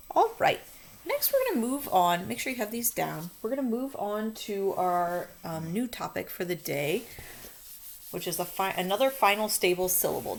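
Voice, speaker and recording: A woman's voice: mid-range voice, a little hiss or hum. A woman teacher recording a phonics lesson for young children, drawing out letter sounds in a sing-song teacher voice.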